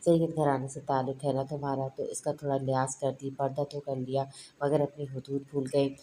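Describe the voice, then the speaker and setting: A sharp-tongued young woman full of scorn, taunting and belittling the one in front of her, read by a woman narrator in a storybook. The voice stays very low, flat and dark throughout. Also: normal speed, slight background noise. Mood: scornful. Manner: taunting, contemptuous.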